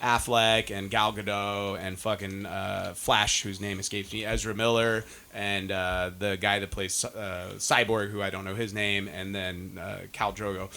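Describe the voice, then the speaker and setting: A man in his late thirties co-hosting a podcast, chatting casually, swearing and acting out stories with shouts. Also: on the low side, unhurried, creaky, few pauses. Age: late 30s. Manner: excitable, swearing, acts out anecdotes with shouts. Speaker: podcast co-host.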